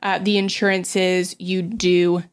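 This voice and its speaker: A woman's voice: fairly low pitch, level tone, slow, clean tone. A woman co-hosting a podcast in casual chat, talking with many fillers and acting out quoted exchanges. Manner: conversational, many "um"s, acts out quoted dialogue. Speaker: podcast co-host. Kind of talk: casual chat about personal finance.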